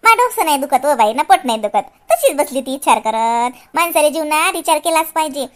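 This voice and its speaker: A woman's voice: sits high, animated, brisk. A woman playing a chatty, self-pitying old village grandmother, rambling, preaching and complaining in sing-song exclamations. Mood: musing. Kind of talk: comic sketch acting.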